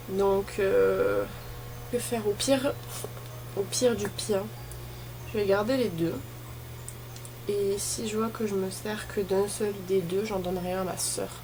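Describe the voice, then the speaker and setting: A woman's voice: mid-range voice, darkish tone. Casual, rambling woman vlogger with noisy background. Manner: informal, rambling, thinking aloud. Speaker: beauty vlogger. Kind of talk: casual chat while opening advent calendars. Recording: clearly noisy, ambient background noise.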